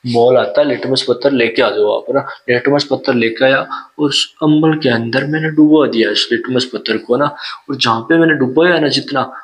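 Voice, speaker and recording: A man's voice: mid-range voice, a bit bright, rough recording. A male teacher giving a lesson, asking questions and answering them himself, repeating key terms again and again to drill students. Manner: asks and answers in imagined student voices. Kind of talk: classroom-style lesson.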